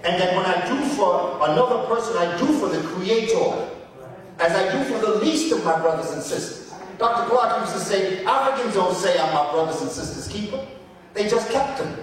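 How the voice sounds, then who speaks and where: With a high-pitched voice, lively intonation and a moderate pace, a man gives a passionate history lecture in the style of a preacher, repeating words for effect. The sound is distant and echoey, recorded across a large hall.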